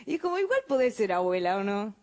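A woman's voice: medium pitch, sing-song, brisk, darkish tone. A young woman with an Argentine Spanish accent doing a stand-up routine, wry and chatty with conversational asides. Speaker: stand-up comedian.

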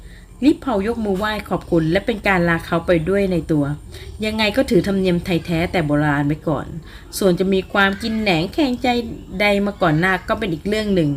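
A woman narrating a romance novel as an audiobook, telling the story in a smooth, even way. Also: mid-range voice, fairly quick, a little hiss or hum.

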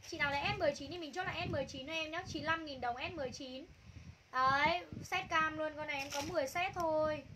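A high-pitched woman is hawking clothes on a livestream. She rattles off prices and item codes again and again, and she gushes over each piece. There is steady noise behind her voice. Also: quick pace. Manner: repetitive, calls out prices and codes, gushing. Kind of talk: live sales pitch.

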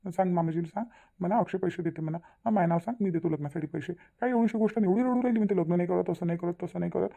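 A man with a Varhadi Marathi accent from Vidarbha voices a devoted young fiance in a cartoon family drama, sounding insistent and reassuring. His voice sits high and is gravelly and dark, racing along with colloquial, emphatic repetition.

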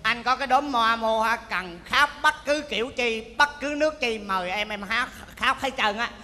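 A man's voice: very high-pitched, moderate pace, pushed and bright, a little hiss or hum, full character voice. A man voicing a chatty hired mourner who touts his services in a stage comedy sketch. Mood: salesy. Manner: salesy, chatty. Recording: live stage recording in a reverberant hall.

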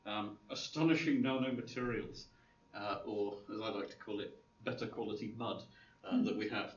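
A man with a lowish, steady voice speaks at normal speed in an informal classroom lecture, rambling with many fillers and restarts and a dry humor. The room recording is lo-fi, dull, distant, and roomy, with faint hiss.

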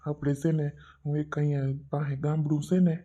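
A man's voice: a little high, level tone, brisk, mellow, close to an everyday voice. A man voicing an old father in a cartoon who rambles and chides. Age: older. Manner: rambling, chiding. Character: old father, stubborn and scolding.

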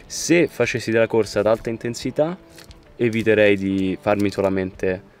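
Out of breath from a run, a young man in his twenties addresses viewers directly in an upbeat fitness vlog shot on a phone held at arm's length, going from a parked car to an outdoor street and into a kitchen. He speaks at a moderate pace with a fairly low, fairly even voice, faint music behind.

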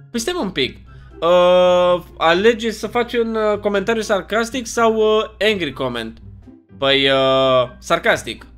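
A young man with a Romanian accent, chatty and jokey, giving casual commentary while playing a video game. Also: high voice. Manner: chatty, animated, jokey, often puzzled and exclaiming. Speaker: gaming YouTuber.

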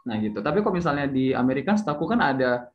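A man's voice: medium pitch, very animated, quick pace. Young man, casual and chatty, hesitant with fillers; muffled recording. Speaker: speaker sharing English tips. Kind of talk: casual chat. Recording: slightly dull lo-fi audio.

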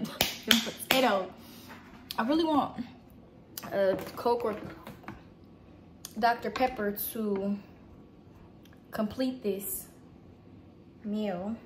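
In her home kitchen, a young vlogger with a medium-pitched voice keeps up casual chatter with viewers she calls y'all, chanting as she cooks. Her phone rests on the counter to record, and there's some background noise.

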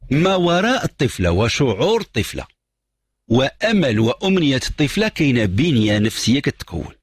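A man's voice: medium pitch, slightly rough, no room sound, studio quality. A middle-aged man with a Moroccan accent hosting a call-in radio advice show, lecturing with emphatic repetition and French phrases. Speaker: radio psychologist host.

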